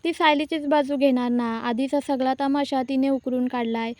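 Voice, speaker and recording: A woman's voice: sits high, fairly even intonation, moderate pace, darkish tone, dry recording, close to an everyday voice. A woman voicing a scheming young wife who taunts her in-laws in a serial recap. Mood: taunting.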